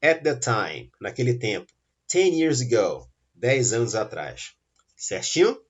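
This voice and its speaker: Brazilian guy teaching english grammar, kinda husky low voice, dull lo-fi sound. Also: big pitch swings, slow. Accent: Brazilian Portuguese. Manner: explains step by step, checks in with "tá?". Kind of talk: recorded grammar lesson.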